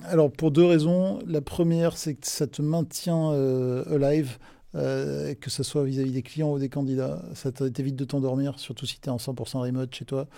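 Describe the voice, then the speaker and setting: A middle-aged man talks as a guest on a podcast, casual and informal, stopping often with fillers and restarts. His voice is gravelly and mellow, and the recording is dry and close. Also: medium pitch, little pitch movement, moderate pace, no echo. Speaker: podcast guest, recruitment firm director.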